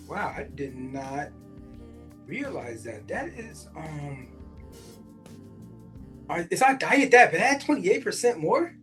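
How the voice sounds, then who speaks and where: A man in his forties hosting a podcast, reading a news article aloud and stopping often to react in casual asides full of fillers. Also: a little high. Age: 40s. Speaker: podcast host.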